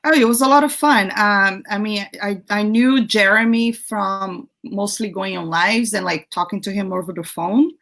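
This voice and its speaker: A young woman from Brazil, a guest in a casual interview, chatty and laughing often, with halting restarts. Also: mid-range voice, fairly bright tone. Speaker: guest, YouTube creator.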